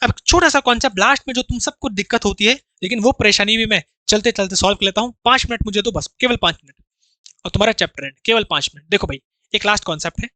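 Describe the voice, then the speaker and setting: A man teaches an exam-prep grammar lesson in a bright, sharp voice, recorded close and dry with no room sound. He keeps asking his students rhetorical questions and repeats each point. He talks to them familiarly as brothers and acts out their doubts. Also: sits high, dry recording. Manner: explains through rhetorical questions and repetition.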